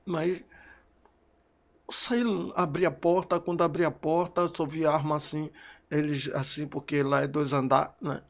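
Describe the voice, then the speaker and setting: A grieving man with a gravelly, fairly high voice speaks in an interview. He tells his story in broken, repeating phrases, and his voice lifts when he recalls shouting for help. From Brazil. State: emotional. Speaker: bereaved father interviewed. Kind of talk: emotional testimony.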